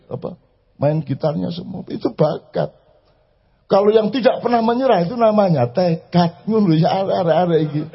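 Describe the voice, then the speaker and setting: A man speaks in a fairly high, animated voice, joking his way through an informal religious talk. The recording is dull and lo-fi. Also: husky. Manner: animated, joking, switches into Javanese. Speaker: preacher. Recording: lo-fi live recording.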